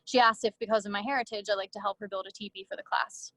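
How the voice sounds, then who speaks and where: A woman reading her own first-person fiction aloud in a measured way, with brief casual asides to the audience. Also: mid-range voice, steady tone, fairly bright tone, dry recording. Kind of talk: literary reading.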